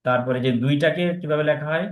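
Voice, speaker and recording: পুরুষ শিক্ষক, ধীরে ধীরে শব্দ উচ্চারণ করে শেখাচ্ছেন. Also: male voice, fairly high pitch, steady tone, muffled recording. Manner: patient, repeats each word slowly for students to copy. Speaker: Sanskrit teacher. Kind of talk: online class teaching.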